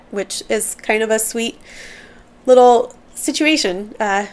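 Woman book podcaster reading passages out loud, kinda high voice, heartfelt and earnest. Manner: heartfelt, earnest, stumbles when moved. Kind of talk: reading book excerpts aloud, then personal commentary.

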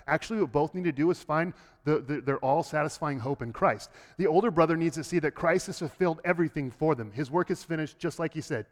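Preaching as pastor, this man alternates between loud, high-pitched outbursts and quiet, low stretches, frequently repeating a word when launching into a new idea. The sound carries a long hall reverb.

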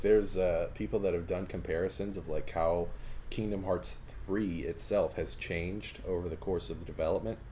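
A man with a very low, deep voice talks casually and frankly on a podcast. He sounds enthusiastic and swears now and then, with a faint hiss of noise behind him. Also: warm tone. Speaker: podcast co-host. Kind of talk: casual gaming chat.

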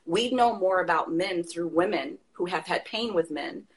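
A woman's voice: lowish voice, normal speed. A woman talking passionately in a casual conversation, telling stories and laughing as she makes her point. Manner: passionate, animated storytelling with laughs. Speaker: guest.

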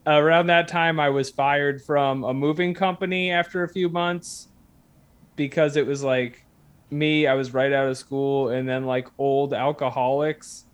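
A man's voice: fairly high pitch, fairly even intonation, a little slow, smooth. A man chatting casually and comically, telling rambling anecdotes as a guest. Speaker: guest telling stories of odd jobs.

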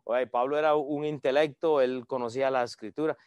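A man's voice: mid-range voice, steady tone, fairly quick, a little mellow, clean tone, dry recording, muffled recording. A man preaching a conversational sermon to an online audience, reading verses aloud and joking with viewers. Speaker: pastor.

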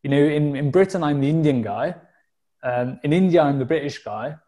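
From South Wales, this mellow-voiced man speaks at a normal speed with a pitch on the high side. As a podcast guest in a relaxed conversational interview, he is open and reflective, with frequent fillers and restarts.

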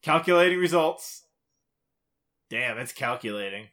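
A man's voice: mid-range voice, expressive, a little slow, fairly bright tone. A man with a Great Lakes accent from Michigan, chatting casually as a podcast co-host.

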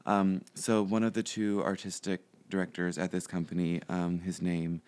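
A man's voice: deep voice, little pitch movement, normal speed, a little mellow. A young man, a podcast guest, chatting casually and rambling with lots of fillers and restarts. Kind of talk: casual interview chat.

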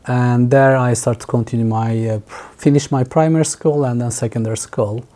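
A man from Turkey with a Turkish accent, speaking English as a podcast guest in a relaxed, thoughtful way, often restarting his sentences. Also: mid-range voice, normal speed. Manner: thoughtful, many restarts and fillers. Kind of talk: casual interview chat.

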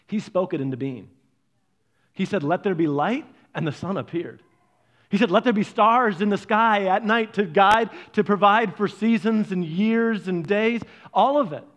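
Man, sermon delivery, fairly high voice, lively acted-out quotes. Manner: animated, acts out quoted voices with big pitch jumps. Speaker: pastor.

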